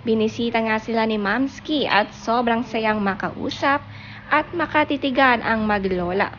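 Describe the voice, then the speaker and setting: A woman's voice: a little high, a little slow, fairly bright tone, lo-fi sound, slight background noise. A woman reading a chatty, gushing showbiz gossip narration. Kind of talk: scripted narration.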